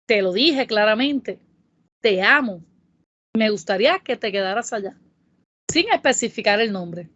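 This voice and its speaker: A woman with a Puerto Rican Spanish accent, narrating a Spanish grammar lesson in a careful, explanatory way and reading example sentences slowly. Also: mid-range voice, lively intonation, a bit bright, dry recording. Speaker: Spanish tutor. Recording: dull, dry voice-over.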